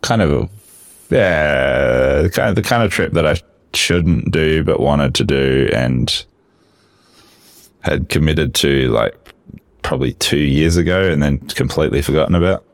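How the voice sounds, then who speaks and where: A man with an extremely deep, gravelly voice that sounds a bit sick. He chats in a loose, rambling, laid-back way, recorded close and dry with no room sound. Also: animated, normal speed, dry recording. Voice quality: gravelly, says he has a sick voice. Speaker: podcast co-host. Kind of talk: casual chat.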